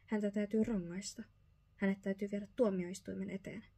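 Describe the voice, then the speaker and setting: An agitated, fussy father mouse, played by a woman in a whispered role-play bedtime storybook. He exclaims in despair, with a gravelly, husky, mellow sound. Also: mid-range voice, steady tone.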